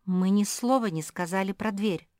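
A woman voicing a sensible female cat in a storybook reading, calm and reproving. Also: mid-range voice, moderate pace, no room sound, studio quality, lightly acted. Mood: explaining.

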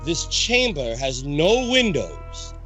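A man's voice: a little high, very animated, slow pace, a bit bright, faint music behind, full character voice. A man playing a sinister, theatrical ghost who hosts a haunted tour, drawling and gloating with cackling laughs. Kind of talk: amateur reenactment of a ride narration.

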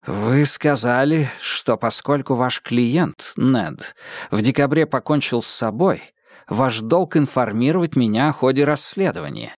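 A man's voice: mid-range voice, a little slow, no echo, clean studio sound. A man voicing a proud, stiff elderly male historian in an audiobook, cutting and indignant.

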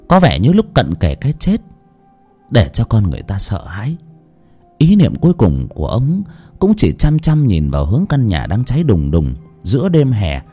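A man's voice: on the low side, warm tone, slightly rough. A man narrating an audiobook story dramatically.

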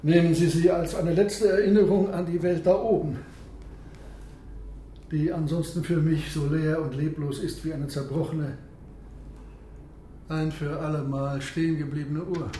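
An actor playing a proud, world-weary submarine captain in a radio play, speaking formally and with grand declamation. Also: male voice, on the high side, fairly even intonation, measured pace, long pauses, mellow, natural voice. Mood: bitter, melancholy. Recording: echoey room, background noise.

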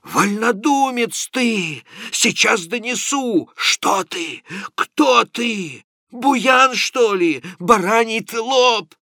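A man voicing a rowdy, bullying clerk who shouts drawn-out accusations. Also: very high-pitched, animated, no echo, studio quality, voice pushed up, full character voice. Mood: accusing.

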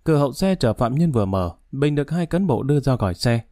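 Guy reading a story audiobook, steady and measured, dark mellow voice, dry. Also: medium pitch, dry recording. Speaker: narrator. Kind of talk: audiobook narration.

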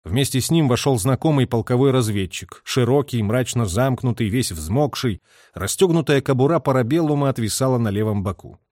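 A man's voice: mid-range voice, animated, brisk, darkish tone, no room sound, studio quality. A male audiobook narrator giving a vivid, dramatic reading of scripted prose.

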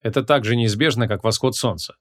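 A man's voice: mid-range voice, a little fast, natural voice. A man reading the part of a stern, short-tempered male archmage in an audiobook, with commanding, curt questions.

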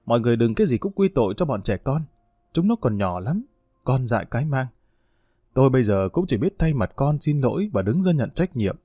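A man voicing a calm, dignified old mother. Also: mid-range voice, no echo, studio quality. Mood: earnest. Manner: measured, conciliatory.

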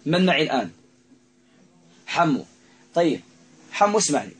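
A man's voice: a little high, very animated, normal speed, rough recording. A man acting as a ruqyah healer, commanding and repeating himself as he addresses a spirit in an exorcism session, full of religious phrases.

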